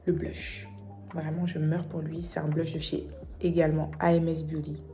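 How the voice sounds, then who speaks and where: A woman's voice: sits low, little pitch movement, normal speed, loud music behind the voice. Chatty, self-mocking woman vlogger. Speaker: beauty vlogger. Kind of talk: casual makeup tutorial chat.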